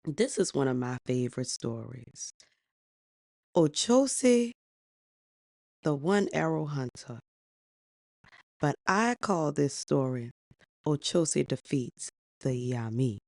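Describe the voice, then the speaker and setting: A woman's voice: low voice, animated, slow pace, creaky, pauses often, a little mellow, no room sound. A woman telling a folk tale in a chatty, sassy way with asides to the listener. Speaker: storyteller. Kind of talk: casual oral storytelling.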